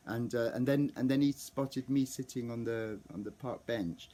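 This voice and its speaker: A man's voice: medium pitch, moderate pace, warm tone. A man telling a casual vlog story, rambling with many restarts and fillers, sometimes acting out the people he overheard. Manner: rambling, full of restarts and ums; acts out overheard fan reactions. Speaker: vlogger.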